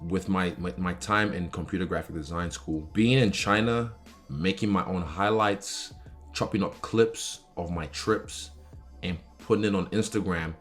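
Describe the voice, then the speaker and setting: A man's voice: low-pitched, a little slow, a bit bright, faint music behind. A young man talking casually and candidly about himself in an informal interview style, swearing freely. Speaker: professional fighter talking about his interests. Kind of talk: casual chat answering interview questions.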